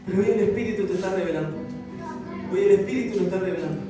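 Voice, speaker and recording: A man's voice: sits high, racing. A man preaching a sermon as pastor, reading scripture aloud and acting out its quotes with fervor. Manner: fervent preaching, voicing scripture quotes dramatically. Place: church hall. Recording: echoey hall, voice from a distance, music behind. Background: music.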